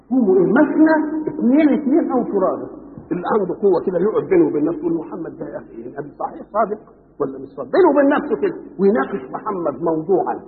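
Egyptian male preacher for an archival radio sermon: very fast delivery, keeps posing rhetorical questions, faint hiss behind. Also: sits high. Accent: Egyptian Arabic. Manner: poses rhetorical fill-in questions to listeners. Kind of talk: sermon explaining scripture. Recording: old radio broadcast, tinny band, hall reverb, faint hiss.

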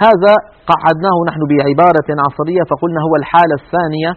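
A man teaching Quran recitation rules in a televised lesson, explaining step by step and demonstrating with drawn-out recited words. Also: on the high side, steady tone, narrow, tinny audio.

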